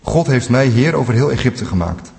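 A man's voice: medium pitch, animated, moderate pace, vocal fry, a little mellow. A man reading aloud as an emotional male ruler speaking urgently to his brothers, in a long church reverb. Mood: heartfelt.

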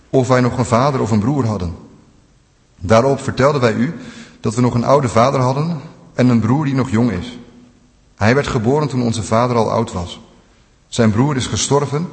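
A man's voice: medium pitch, darkish tone, lightly acted. A man reading aloud as an adult brother pleading earnestly before a ruler, in a long church reverb. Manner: earnest, imploring.

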